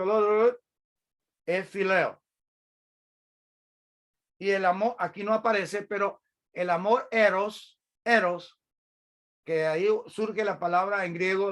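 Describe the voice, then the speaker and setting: A preacher giving a sermon, explaining a scripture passage in a deliberate teaching manner with repeated phrases. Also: medium pitch, fairly bright tone. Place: church.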